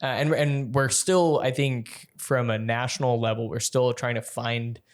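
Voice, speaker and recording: A man's voice: medium pitch, fairly even intonation, measured pace. A man from Sri Lanka hosting a podcast, asking loose, rambling questions full of fillers. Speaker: podcast host. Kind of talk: casual podcast interview.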